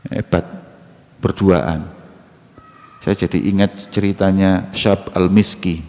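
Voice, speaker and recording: A male preacher, telling a story in a sermon with slang and jokes. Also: low-pitched. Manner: lively, mixes in local slang and jokes. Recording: long hall reverb.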